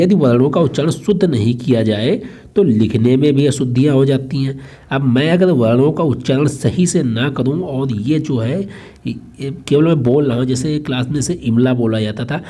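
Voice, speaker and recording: A man's voice: medium pitch, warm tone, slightly rough. A young man teaching an online exam-prep lesson, explaining each point twice and restarting phrases.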